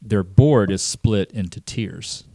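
A man's voice: fairly low pitch, slow, creaky, mellow, no room sound. A man co-hosting a podcast, explaining at length in casual chat and often repeating his words. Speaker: podcast co-host.

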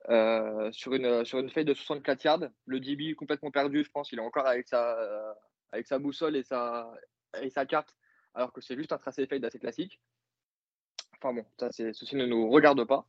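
Co-host masculin bavard, hésitant, quelques euh, son un peu terne et sec. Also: male voice, mid-range voice, a little fast, no echo, muffled recording. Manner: chatty, hesitant with many fillers, joking asides. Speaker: podcast co-host, football analyst. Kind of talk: casual play-by-play recap.

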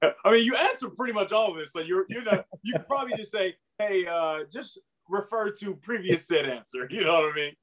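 Informal male host, somewhat high voice. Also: lively intonation, fairly quick, fairly bright tone. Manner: informal, affirming, repeats himself for emphasis. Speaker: podcast host. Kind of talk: casual sports interview chat.

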